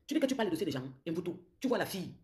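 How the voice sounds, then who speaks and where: Fast-talking Cameroonian woman ranting live. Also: fairly low pitch, big pitch swings, darkish tone. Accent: Cameroonian French. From southern Cameroon. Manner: accusatory, confrontational, repeats taunts. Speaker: live-stream host. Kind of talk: heated live-stream rant.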